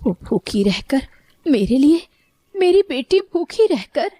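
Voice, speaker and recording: A woman voicing a weary middle-aged mother in an animated story, emotional and tearful. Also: on the high side, unhurried, slightly rough, no room sound. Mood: remorseful. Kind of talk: Hindi cartoon voice acting.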